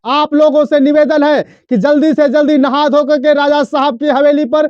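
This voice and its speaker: A man acting as a village town crier, proclaiming a royal order in drawn-out, commanding calls. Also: very high-pitched, steady tone, lo-fi sound, loud music behind the voice. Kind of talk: acted public proclamation.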